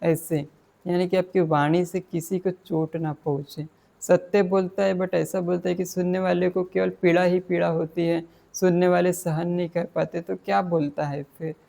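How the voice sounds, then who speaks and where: A man's voice: high voice, flat delivery, normal speed, gravelly, dark tone. A man giving a dhamma talk, explaining Pali verses in plain words and mixing in English terms. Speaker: Buddhist dhamma teacher.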